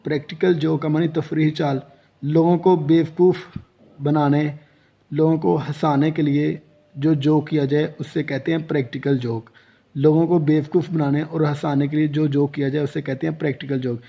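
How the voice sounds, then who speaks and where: A man with a Pakistani accent, teaching an English short story. He reads each phrase slowly, then explains it in Urdu with synonyms and tips on how to say it. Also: on the high side, little pitch movement, vocal fry. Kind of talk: lecture reading and translating a story line by line. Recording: dull lo-fi lecture recording.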